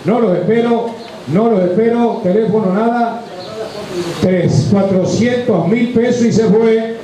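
An older man working as a rapid livestock auctioneer, calling bids in a loud, urgent, repetitive chant. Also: high voice. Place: open-air cattle auction ring. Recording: very echoey PA, crowd behind.

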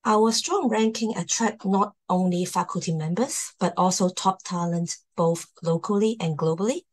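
A woman with a fairly low voice, speaking at a normal pace, hosts a formal slide presentation on a video call as a university admissions presenter.

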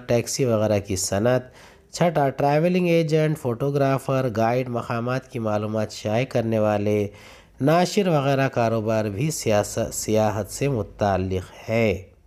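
Point by point, a male teacher reads questions and answers from a textbook in a medium-pitched, somewhat mellow voice. His manner is instructional, naming each numbered point.

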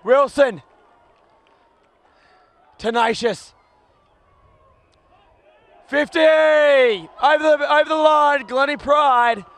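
A man calling a football match live, rattling off players in clipped bursts and shouting at big moments. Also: very high voice, extremely slow, pauses often, some chatter behind. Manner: clipped bursts of names and actions. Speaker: football commentator. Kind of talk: live play-by-play commentary. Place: commentary box at an outdoor ground.

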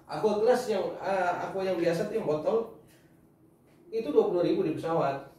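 A man's voice: sits high, moderate pace, warm tone. Chatty father lecturing in an echoey room. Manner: chatty, lecturing, laughs often. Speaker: father giving advice. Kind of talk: casual family chat. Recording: echoey room, mic far off.

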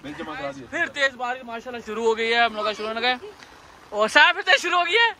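A young man filming a casual family travel vlog on a handheld phone, excitedly talking to viewers outdoors and from a car in heavy rain. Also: very high voice, fairly quick. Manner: excitable, keeps addressing viewers as guys. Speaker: vlogger.

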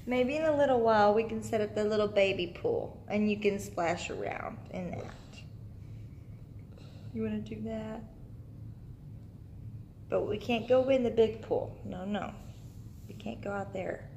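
A woman's voice: medium pitch, a little slow, long pauses, dark tone. A young woman, a mother chatting casually and coaxing her small child at home, recorded on a phone. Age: young adult. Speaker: mother vlogging with her toddler. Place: indoors at home, living room and laundry area. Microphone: phone at arm's length. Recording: echoey room with clear background noise.

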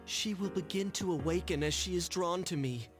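A young man voicing a calm, mysterious young figure in a video game, speaking in a measured, grave way. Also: high-pitched, lightly acted. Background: game music.

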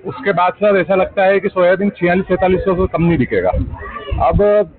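Explanatory male trader, high pitch, tinny audio, crowd behind. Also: normal speed. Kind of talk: street interview.

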